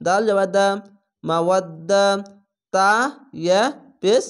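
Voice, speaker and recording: A man teaching Quran reading, spelling out Arabic words slowly syllable by syllable. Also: high-pitched, steady tone, smooth. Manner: slow, drawn-out syllable-by-syllable spelling and chanting. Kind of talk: spelling-out Quran recitation lesson.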